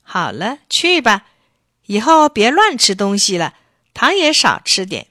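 A male fish dentist in a children's storybook speaks in a brisk, matter-of-fact way, as a woman reading aloud puts him on. The delivery is slow and bright, with a dry close sound. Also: medium pitch, very animated, dry recording, heavily acted. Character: gruff male fish dentist with big pliers.

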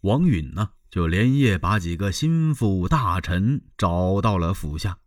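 A man narrating a classic tale in traditional storytelling style, with dramatic, expressive delivery. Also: deep voice, unhurried, no echo, studio quality.

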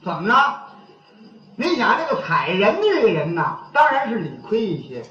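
A man telling a comic monologue, chatty and animated, acting out people quarrelling. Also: high voice, moderate pace. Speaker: comic storyteller. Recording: dull echoey old recording.

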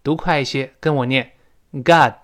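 Male language teacher, lively up-and-down delivery, emphatic and explanatory, drills words by repeating them. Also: on the high side, moderate pace. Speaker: English teacher. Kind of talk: pronunciation lesson in Chinese.

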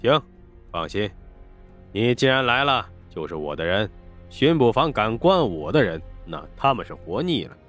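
A man voicing an older gambling-house boss in an audiobook, gruff, slow and domineering. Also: fairly low pitch, sing-song, fairly bright tone, soft background music, pitched below the performer's own voice. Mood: commanding. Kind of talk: audiobook character voice.

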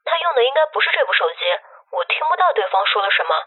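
Read by a woman, an awkward young man murmurs over an earpiece. His husky voice comes through a thin, phone-like filter. He sounds embarrassed and hesitant. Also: a little high, very animated, very fast. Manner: awkward, mumbling. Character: male tech-support agent on an earpiece, awkward. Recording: tinny phone-line sound.

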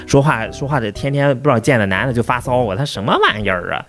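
A man's voice: mid-range voice, fast, a bit bright, faint music behind. A man telling a long, profane, angry story about his workplace. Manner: profane, heated, rising to outbursts. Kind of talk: casual angry rant.

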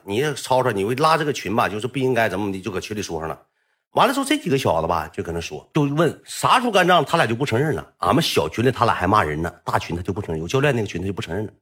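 A man with a Northeastern Mandarin accent telling a rambling story in a casual, animated way, swearing freely. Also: on the low side.

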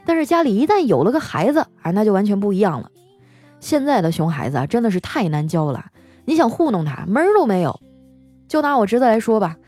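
Woman, comic storyteller, teasing, animated intonation, faint music underneath. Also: mid-range voice. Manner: chatty, teasing, laughs often. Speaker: radio-style host.

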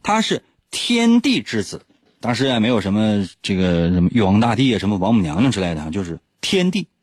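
A man's voice: on the low side, wildly swooping pitch, brisk, breathy edge, no room sound. A man, a radio host telling a legend in a teasing, joking way, chuckling often. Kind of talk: joking storytelling. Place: radio studio.

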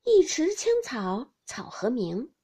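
A woman reading a storybook aloud, voicing a good-humored young widow who speaks cheerfully and slows down to pose riddles. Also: fairly high pitch, very animated, warm tone, husky, full character voice. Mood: playful.

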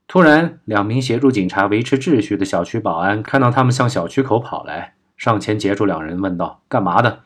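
A man narrating a crime novel audiobook in a steady, even storytelling manner. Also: on the low side.

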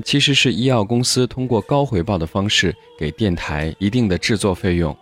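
A man narrates a scripted podcast in a calm, reflective tone. His voice sits low. Faint music plays under him.

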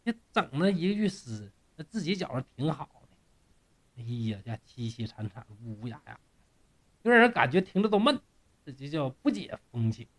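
A man's voice: fairly high pitch, moderate pace. A man retelling a classic tale in a folksy, joking way. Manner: animated, folksy, joking asides. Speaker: storyteller. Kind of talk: colloquial storytelling.

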